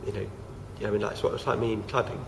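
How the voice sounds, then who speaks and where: It's a relaxed piece to camera from a young vlogger who speaks tentatively, full of fillers and abandoned sentences. Being under the weather makes his low voice croaky and gravelly, and the home recording carries a continuous hiss.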